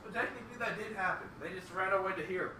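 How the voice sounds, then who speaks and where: A man's voice: high voice, fast, sharp tone, echoey room, far from the mic, a little hiss or hum, low-quality recording. A man co-hosting a podcast, chiming in with dry jokes. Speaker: podcast co-host.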